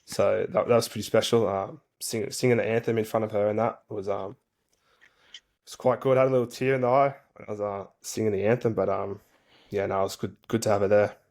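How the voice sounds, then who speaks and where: A man with a fairly low voice gives a casual interview as a guest. He tells stories in a laid-back, slangy, colloquial way. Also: fairly even intonation, a little fast, darkish tone. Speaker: interview guest, rugby league player for a national team.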